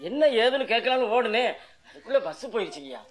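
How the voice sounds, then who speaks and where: A man's voice: extremely high pitch, big pitch swings, fast, exaggerated voice. An actor playing a deferential village servant who eagerly reports what he saw, in a television serial. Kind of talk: 1990s television serial acting.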